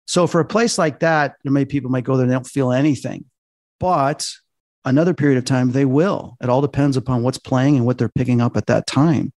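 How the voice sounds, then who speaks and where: A man's voice: medium pitch, brisk, darkish tone, no echo, clean studio sound. A man telling earnest stories in a casual podcast chat, walking through paranormal theories at length. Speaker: paranormal investigator guest.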